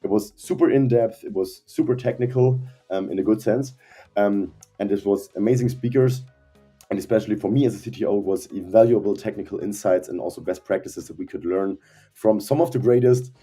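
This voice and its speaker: A man's voice: lowish voice, brisk, warm tone, breathy edge, faint music behind. A man presenting a community update as CTO, talking enthusiastically about a conference. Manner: enthusiastic, keeps saying super.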